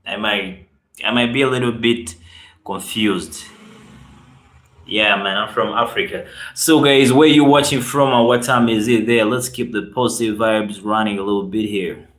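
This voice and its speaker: A man with a Ugandan accent hosts a relaxed live stream, chatting to viewers and reading their comments aloud. His voice sits fairly low and sounds roomy, with echo from the space around him. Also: moderate pace. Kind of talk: casual live-stream chat.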